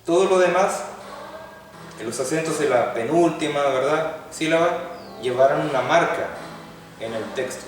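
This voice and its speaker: A man's voice: on the high side, normal speed, pauses often, a little hiss or hum. A man teaching a Hebrew class in a classroom lecture, explaining patiently step by step and checking in with his students. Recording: echoey hall from far off.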